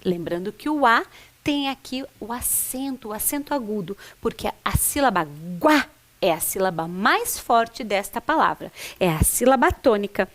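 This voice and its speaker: A woman's voice: on the high side, animated, moderate pace. A woman teacher giving a recorded literacy lesson for adults, sounding out words syllable by syllable in an encouraging way. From Brazil.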